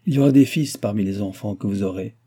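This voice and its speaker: A solemn sorcerer with a menacing, measured delivery, as a male audiobook reader plays him. The voice is dark and husky. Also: on the low side. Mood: prophetic.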